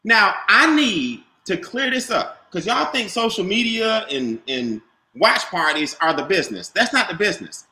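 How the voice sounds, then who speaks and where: A man's voice: sits high, very animated, normal speed, sharp tone, reverberant. A man coaching a group on a video call, stressing and repeating his key points and quizzing listeners. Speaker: business trainer.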